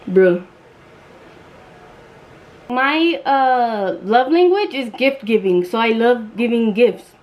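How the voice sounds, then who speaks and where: A woman's voice: fairly high pitch, expressive, slow, pauses often, lo-fi sound. A young woman vlogger telling a storytime while getting ready, blunt and chatty, swearing freely.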